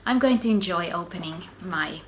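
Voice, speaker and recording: There's a little hiss or hum behind this lowish female voice, which keeps a moderate pace. A middle-aged Finnish woman whose native language is Swedish and whose accent is Finland-Swedish, she chats casually on her solo knitting video podcast, often interrupting herself, laughing softly, and filling gaps with um.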